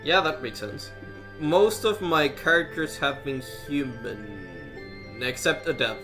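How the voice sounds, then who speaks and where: A man in casual, thoughtful chat on a game stream, pausing and restarting as he talks. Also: medium pitch, animated. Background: game music.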